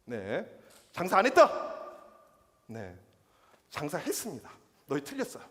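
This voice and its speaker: A male youth pastor preaching a casual, lively sermon to teenagers, teasing them and using slang. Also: on the high side, unhurried. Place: church sanctuary. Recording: reverberant church hall.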